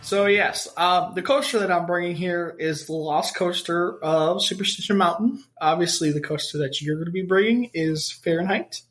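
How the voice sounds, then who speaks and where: A man's voice: high-pitched, normal speed, few pauses, fairly bright tone, faint music behind. A young man with a Wisconsin accent, co-hosting a casual podcast and joking around with his co-host. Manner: jokey, announcer-style fight intros. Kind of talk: casual chat.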